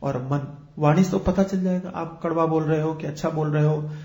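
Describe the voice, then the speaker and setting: A man with a high voice gives a spiritual discourse in an echoey room. He explains his points with everyday examples and keeps asking rhetorical questions. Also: fairly even intonation, moderate pace, dark tone, muffled recording. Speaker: spiritual teacher.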